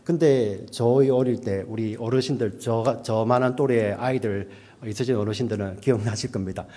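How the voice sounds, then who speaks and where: A male pastor delivering a sermon, often checking in with the congregation and moving between a raised voice and a hushed near-whisper. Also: mid-range voice, moderate pace. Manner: preaching with frequent "yes" and "right?" asides to the congregation.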